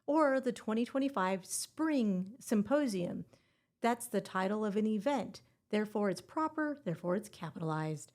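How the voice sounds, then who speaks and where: A woman's voice: medium pitch, expressive, normal speed, darkish tone. A woman hosting a scripted exam-prep podcast and teaching grammar in a playful, upbeat way with puns.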